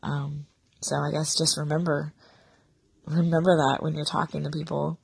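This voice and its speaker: A middle-aged woman, sick and nearly voiceless, speaks to followers in a raspy whisper, halting, subdued and sincere, in a confessional casual monologue. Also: low-pitched, little pitch movement, a little mellow, no echo. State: sick with sore throat, voice almost gone. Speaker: vlogger addressing followers.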